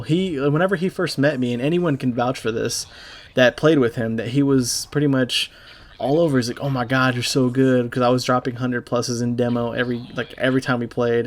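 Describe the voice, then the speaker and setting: A young man giving a halting, casual voice-over over gameplay, full of fillers and swearing, as a clan leader recalling a friend. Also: medium pitch. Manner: halting, rambling, heavy with fillers; casual and profane. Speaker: gaming YouTuber and clan leader.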